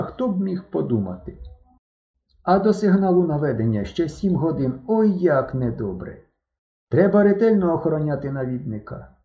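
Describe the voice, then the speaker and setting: A man voicing an alien impostor who speaks through a captured man's body in a sad, mournful way. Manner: mournful, sighing, high and strained. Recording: dull, roomy recording.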